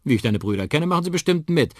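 A man voicing a shy, kindly middle-aged uncle in a children's radio story, speaking warmly and a little bashfully. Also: on the high side, sing-song, fast, no room sound, studio quality, voice pushed up. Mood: friendly.

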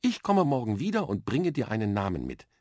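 A man's voice: medium pitch, wildly swooping pitch, fairly quick, a little mellow, dry recording, studio quality, voice pushed up. A man voicing a bold, impatient and chatty young girl in a children's radio story, cheeky and self-assured.

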